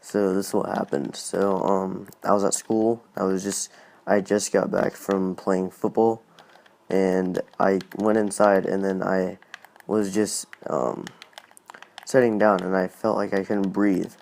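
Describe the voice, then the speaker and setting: A man's voice: low-pitched, flat delivery, unhurried, vocal fry, darkish tone. A man hosting a gaming channel, telling a casual personal story in a rambling way, full of "like"s and restarts.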